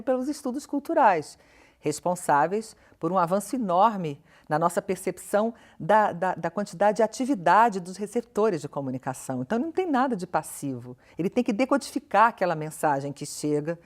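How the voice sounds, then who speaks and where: A Brazilian professor and researcher, appearing as a guest in a TV studio interview, lays out her views in an articulate, questioning manner. Her voice is medium-pitched with a darkish tone, and she leans on key words for emphasis.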